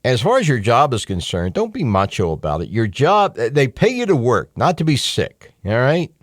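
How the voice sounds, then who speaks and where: Here a middle-aged American man hosts talk radio from a radio studio, his medium-pitched voice swooping wildly in pitch at normal speed. He delivers a casual, opinionated monologue, folksy and conversational with emphatic asides, captured on a close studio microphone at studio quality with no echo.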